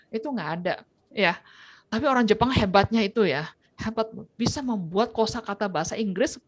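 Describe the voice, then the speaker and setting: A woman's voice: medium pitch, a bit bright, no room sound. Woman lecturer, conversational and dry-voiced. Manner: conversational, tags sentences with "ya". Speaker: Japanese language lecturer. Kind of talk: informal online class explanation.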